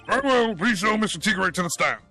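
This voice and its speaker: A man's voice: high voice, lively intonation, fairly quick, bright, forceful tone, soft background music, exaggerated voice. A man voicing a timid, fussy elderly male judge who talks hesitantly, in a voiced game playthrough. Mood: flustered.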